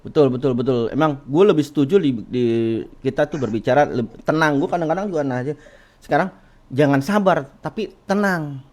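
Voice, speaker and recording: A man's voice: fairly high pitch, a little fast, darkish tone. A man hosting a casual chat, agreeing often and adding his own thoughts. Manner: agreeable, frequent murmured assents. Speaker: host.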